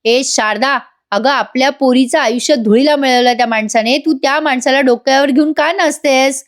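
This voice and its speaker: A stern father scolds his daughter in a raised, high-pitched voice, as a woman puts him on. He sounds hard and indignant throughout. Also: moderate pace, natural voice. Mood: angry. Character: angry stern older father.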